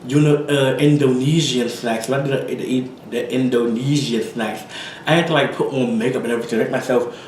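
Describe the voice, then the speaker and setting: A man's voice: mid-range voice, steady tone, brisk, a little mellow, roomy sound, recorded from a distance, slight background noise, low-quality recording. A tired young man vlogging casually, rambling and apologetic with many fillers after a big meal. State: tired, full from eating. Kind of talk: casual chat to camera.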